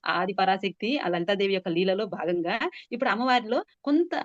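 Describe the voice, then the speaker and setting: A woman telling a devotional story in an unhurried, chatty way, explaining as she goes with many filler sounds. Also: medium pitch, no room sound. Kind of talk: conversational religious storytelling. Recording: dull, dry sound.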